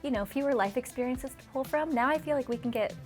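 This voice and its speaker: A woman's voice: high voice, fast, soft background music. A woman, a cartoon voice actor, chatting playfully in a casual interview.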